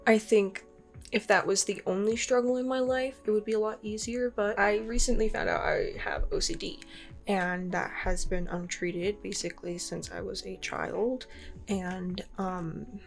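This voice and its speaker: A YouTuber in her twenties rambles casually and openly to her channel in a personal vlog, filling her talk with lots of fillers. Her voice is mid-range and gravelly.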